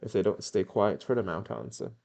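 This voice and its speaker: A man reading aloud and voicing a gruff old male country squire with a curt rural drawl. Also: low voice, sing-song, brisk, mellow, full character voice.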